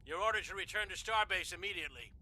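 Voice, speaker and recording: Guy as a high pitched, really forceful bully admiral, barking and scornful, sci-fi audio drama. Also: expressive, quick pace, heavily acted, rough recording. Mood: angry, gloating. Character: hostile, bullying, self-important male Starfleet admiral. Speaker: voice actor. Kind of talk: science fiction audio drama acting.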